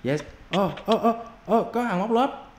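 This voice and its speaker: A young man giving casual gameplay commentary as a YouTuber, excitable and quick to yelp and repeat his exclamations. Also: high-pitched. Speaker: gaming YouTuber. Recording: roomy with faint background noise.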